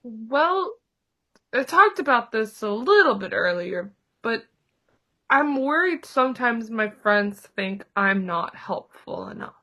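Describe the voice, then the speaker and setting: Woman doing a nervous little piglet, bright voice, really slow and stammery, timid and doubting itself. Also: on the high side, big pitch swings, heavily acted. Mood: worried, reflective. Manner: hesitant, timid, halting. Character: small anxious piglet, timid, self-doubting, eager to try. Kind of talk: role-played therapy client in character.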